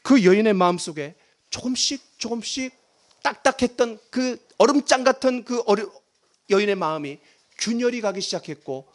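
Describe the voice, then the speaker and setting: Here a middle-aged man preaches with a high, expressive voice at a moderate pace. His sermon is dramatic, dipping from loud emphasis into hushed near-whispers, and he has the congregation read aloud with him.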